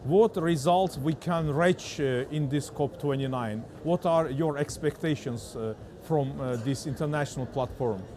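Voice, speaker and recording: Halting male interviewer with an Azerbaijani accent. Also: on the high side, warm tone, a little hiss or hum. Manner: halting, hesitant, frequent fillers in non-native English. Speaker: interviewer, TV journalist. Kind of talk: on-site interview questioning.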